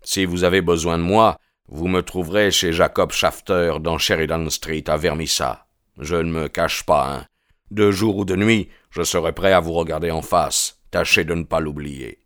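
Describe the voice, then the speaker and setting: A man's voice: low voice, steady tone, normal speed, a bit bright, no room sound, clean studio sound. A man voicing a hot-tempered young male stranger in a storybook reading, with curt, growling defiance. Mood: defiant.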